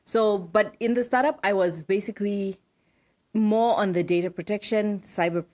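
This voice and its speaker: A middle-aged woman from Zimbabwe, a podcast guest explaining her work in a relaxed interview, often affirming with "right" and "yes". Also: medium pitch, moderate pace. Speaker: podcast guest, data protection officer. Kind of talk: casual interview talk.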